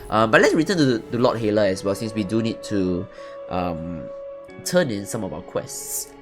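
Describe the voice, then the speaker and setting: A man's voice: on the low side, animated, moderate pace, music in the background. A man giving chatty, rambling commentary as the host of a casual let's-play. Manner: chatty, rambling, swears lightly. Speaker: gaming channel host.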